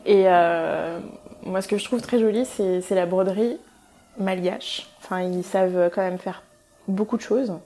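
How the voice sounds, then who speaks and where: A woman's voice: mid-range voice, unhurried, mellow, a little hiss or hum. Hesitant woman guest from France. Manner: hesitant, restarts often, many fillers. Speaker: founder of a skincare brand. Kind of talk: casual interview answers.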